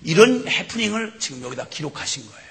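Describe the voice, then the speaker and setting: A man preaching a sermon as a missionary, telling the story in an animated way and acting out scenes with chuckles. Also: on the high side, quick pace, creaky. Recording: long hall reverb.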